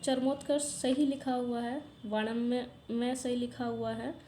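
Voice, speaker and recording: A woman with a warm, fairly high voice goes through a past exam paper, pointing out the right and wrong answers and telling her students to note them down. She talks patiently and repeats herself. The recording is roomy and echoey, with a faint hiss underneath. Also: flat delivery, measured pace. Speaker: exam-prep teacher. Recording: echoey room, faint background noise.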